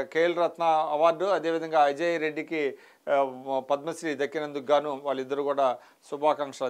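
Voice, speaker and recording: A man's voice: on the high side, clean tone. A man reviewing the morning's newspaper headlines, reading each item and adding short remarks, with occasional restarts. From Telugu states of India. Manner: reads headlines then adds brief remarks, occasional restarts. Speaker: news analyst reading headlines.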